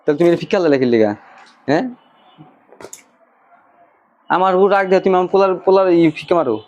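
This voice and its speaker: A man's voice: high-pitched, animated, fast, a little mellow. A man playing a mocking, dismissive husband in a family quarrel skit. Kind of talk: acted domestic quarrel skit. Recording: dull lo-fi sound.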